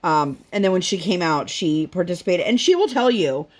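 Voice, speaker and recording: Her voice is fairly low, with lively intonation and a normal pace. She's a mom and vlogger crafting at home while spinning rambling family tales in a casual chat, full of fillers and acted-out quotes.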